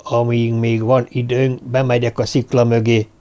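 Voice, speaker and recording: Man doing a grumbling rough prankster. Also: mid-range voice, level tone, warm tone, lightly acted.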